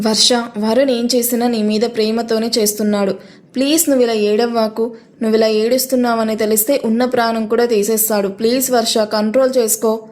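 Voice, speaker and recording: A young woman gently consoles and pleads with her friend in an audio story, as a woman narrator reads her. The voice is a little high. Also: flat delivery, fairly quick, lightly acted. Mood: consoling.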